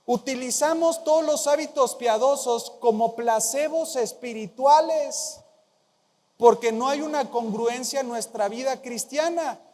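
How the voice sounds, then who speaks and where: A man's voice: extremely high pitch, darkish tone, long reverb tail. A man preaching a sermon as pastor, emphatic, repeating key phrases and prompting the congregation to answer. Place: large church hall.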